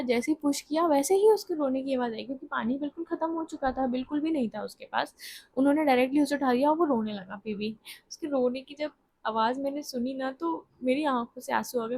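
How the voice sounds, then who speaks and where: A woman's voice: sits high, vocal fry, a little mellow, no echo. A young woman vlogger candidly telling a personal story, laughing often as she talks.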